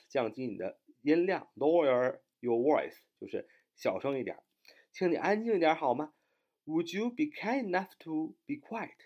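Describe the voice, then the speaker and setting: A male English teacher explains a sentence pattern at length, often stopping to spell words letter by letter. His voice is mellow and dark, while his pitch rises and falls a lot. He reads his English examples slowly and adds plenty of fillers. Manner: frequent fillers, explanatory and repetitive. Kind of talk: recorded grammar lesson.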